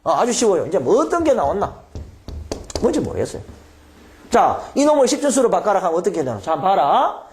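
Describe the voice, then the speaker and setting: Animated Gyeongsang-accented male lecturer. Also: sits high, brisk, slight background noise. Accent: Gyeongsang Korean. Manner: quizzes students with rhetorical questions, drills by repetition. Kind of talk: exam-prep lecture.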